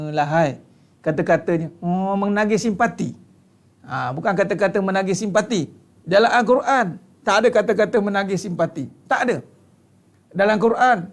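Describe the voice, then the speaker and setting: A high-pitched man with a Malaysian Malay accent delivers a religious lecture to a congregation. He preaches emphatically, stretching key words and firing off rhetorical questions.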